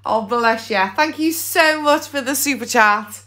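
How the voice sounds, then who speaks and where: High-voiced, unhurried British woman bingo caller. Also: bright, forceful tone. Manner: playful, exclamatory, sing-song repetition of names and calls. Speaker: bingo caller and live stream host. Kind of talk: bingo caller, calling numbers and chatting to players. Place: indoors at a table.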